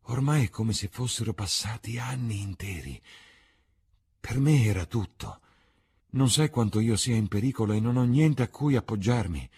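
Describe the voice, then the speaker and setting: A man with a husky voice voicing an impulsive, anguished young man in an audiobook reading, sobbing and crying out in despair. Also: fairly low pitch, expressive, normal speed, hardly any pauses, voice pushed up, exaggerated voice. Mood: self-reproaching. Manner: cries out, breaking into sobs.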